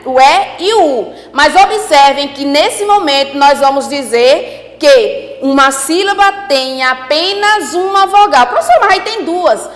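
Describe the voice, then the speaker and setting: A woman teacher giving an online class, lively, asking the class questions and repeating key points. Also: sits high, reverberant, in a large hall.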